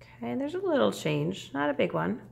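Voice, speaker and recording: A woman art teacher giving a casual step-by-step demonstration in an encouraging, reassuring, informal way, with a creaky voice. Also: fairly high pitch, sing-song, a little fast, darkish tone, a little hiss or hum.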